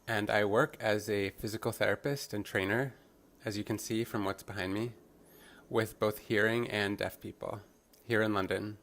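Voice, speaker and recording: A man's voice: fairly low pitch, fairly even intonation, moderate pace, a bit bright. A man voicing a fitness trainer's signing as a live interpretation, giving upbeat coaching and calling out workout instructions.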